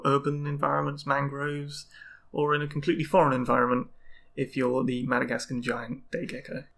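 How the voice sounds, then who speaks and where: Jokey man, fairly high voice. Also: a bit bright. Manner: jokey, chatty, laughs often. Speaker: podcast co-host. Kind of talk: casual podcast chat.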